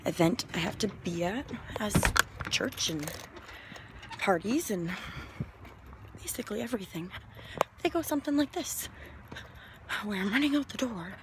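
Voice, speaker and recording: A woman's voice: a little high, noisy background. Chatty young woman vlogging by phone. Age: young adult. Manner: chatty, rushed, drops into whispers. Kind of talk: casual vlog chat. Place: home bedroom, indoors. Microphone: phone at arm's length.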